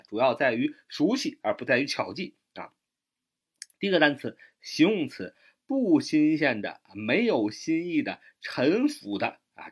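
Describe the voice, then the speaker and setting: A man teaching English vocabulary in a recorded lesson, spelling out words letter by letter and repeating them slowly. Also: medium pitch, a bit bright, breathy edge.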